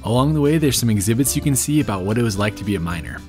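A man's voice: medium pitch, animated, rapid-fire, over music. Upbeat man narrating a travel vlog. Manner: upbeat, informative, laughs easily. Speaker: travel vlogger. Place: outdoors in the desert, on foot. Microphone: camera held at arm's length.

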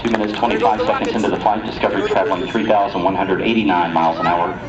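Deep man reporting over a loudspeaker. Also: a loud crowd. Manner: brisk, even reporting of figures. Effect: public-address loudspeaker broadcast. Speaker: mission control commentator. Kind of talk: scripted flight commentary. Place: outdoors at a launch viewing site. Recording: distant echoey loudspeaker, dull, noisy.

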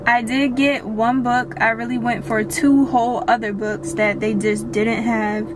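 A young woman, chatting casually to camera as a lifestyle vlogger, relaxed and chatty with drawn-out fillers, filmed on a dashboard camera inside a car. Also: fairly high pitch, far from the mic. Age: young adult. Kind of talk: casual vlog talk to camera. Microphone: camera mounted on dashboard. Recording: loud car and road noise.

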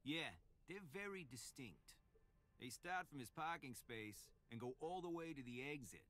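A man's voice: on the high side, animated, normal speed, a bit bright. A man voicing a chatty, nervous male police officer with a Boston accent in a video game. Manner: rambling, eager to please.

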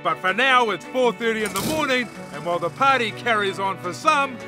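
A man's voice: high voice, animated, a little fast. A man reading scripted narration for a documentary. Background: music.

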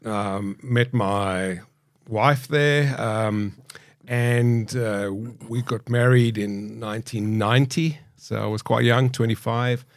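A man in his late fifties with a mild South African accent, a podcast guest recalling his past in a measured, reflective way with frequent hesitations, recorded on a studio mic. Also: mid-range voice, fairly even intonation, no room sound. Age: 50s. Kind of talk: candid interview storytelling. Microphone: studio boom mic.

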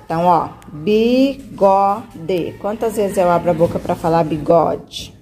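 A woman's voice: lowish voice, steady tone, a little fast, mellow, faint music behind. A woman teacher guiding a child through a reading lesson, patiently coaxing and stretching out syllables. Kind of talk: one-on-one literacy lesson.

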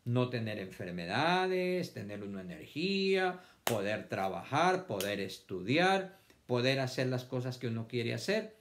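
A man's voice: mid-range voice, very animated, a little slow, a bit bright, slight background noise. A man teaching a children's vocabulary lesson, stretching words out syllable by syllable and repeating them for the class to copy.

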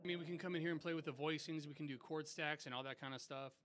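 A young man from San Diego, a music producer hosting a casual software tutorial in a laid-back, slangy, conversational way. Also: a little high, steady tone, fast. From San Diego, USA.

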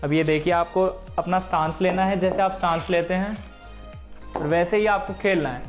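A man's voice: sits high, steady tone, normal speed, faint music behind. Young man coaching cricket drills at home. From Haryana, India. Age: young adult. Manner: friendly instructive, addresses viewers as friends. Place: room at home, indoors.

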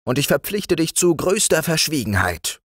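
Guy doing a jittery young frog king, high squeaky voice, dry close sound. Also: very animated, moderate pace, fairly bright tone, slightly rough, no echo, exaggerated voice. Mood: fretful. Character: timid young frog king, male, eager.

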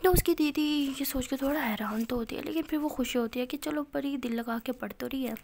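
A woman narrating a love story in a casual, chatty way, often speaking softly, close to a whisper. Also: sits high, steady tone, fairly quick, gravelly.

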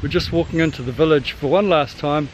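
A man's voice: a little high, quick pace, slight background noise, low-quality recording. Upbeat New Zealand man vlogging. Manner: chatty, upbeat, teasing. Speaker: sailing vlogger. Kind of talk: casual vlog narration. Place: outdoors on a tropical island. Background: music.

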